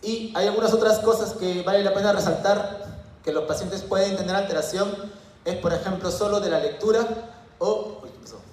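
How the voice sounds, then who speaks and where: A man's voice: high-pitched, moderate pace, darkish tone. A man giving a university lecture, asking the students questions and answering them himself. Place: classroom. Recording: very echoey room, from far off.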